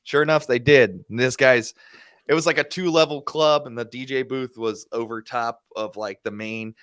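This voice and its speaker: A man's voice: medium pitch, moderate pace, fairly bright tone, no echo. A man co-hosting a podcast and working as a DJ, talking bluntly and swearing freely in casual chat. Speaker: podcast co-host, DJ.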